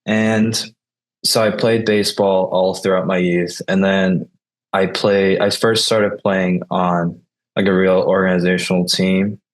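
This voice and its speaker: Young male college athlete guest, very low and monotone, soft-spoken and hesitant. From South Korea. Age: about 20. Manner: soft-spoken, hesitant with many uhs and restarts. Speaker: college baseball player, guest. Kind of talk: casual interview answers.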